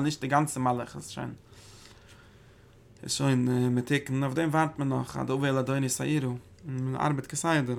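A man's voice: medium pitch, gravelly. A man giving a religious study lecture, breaking into emphatic bursts and often repeating and restarting his phrases. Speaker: Torah teacher.

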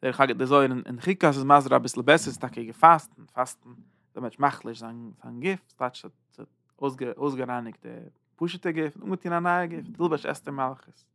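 A man teaching a Zohar lesson, halting and repeating words, swinging between loud and soft. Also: medium pitch, vocal fry, no echo, studio quality. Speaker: Torah teacher.

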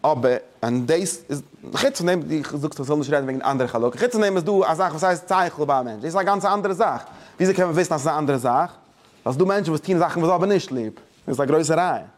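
Speaking quickly in a slightly high voice with lively intonation, a man leads a religious study class. His explanations are forceful and often interrupted by restarts, and he blends German with English words.

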